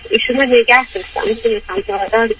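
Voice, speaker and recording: A woman caller heard over a phone line on a radio call-in, her voice bright and high but far from the receiver. Faint hiss rides under her halting, roundabout telling. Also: steady tone. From Iran. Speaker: caller to a radio advice show. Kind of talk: call-in consultation. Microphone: hand-held phone. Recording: distant noisy phone line.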